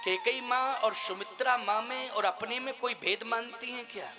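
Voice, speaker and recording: High-voiced preacher telling stories. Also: male voice, normal speed. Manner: animated, humorous, questions the audience. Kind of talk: devotional sermon storytelling. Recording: music playing underneath.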